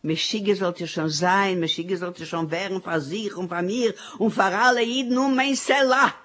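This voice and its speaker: A woman's voice: mid-range voice, normal speed, fairly bright tone, lightly acted. A woman performing a dramatic monologue as a poor grieving widow with five children, in a wailing, sing-song lament.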